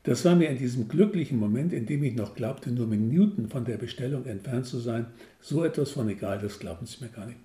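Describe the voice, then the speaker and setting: A man's voice: medium pitch, animated, fairly quick, few pauses, dark tone. A man in his sixties reading his own humorous story aloud in a wry, self-mocking way. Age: 60s. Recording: roomy echo.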